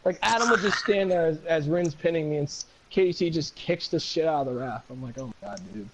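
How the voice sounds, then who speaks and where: A man's voice: a little high, fairly quick, noisy background. A man talking as a guest in casual chat, profane, rambling and heated.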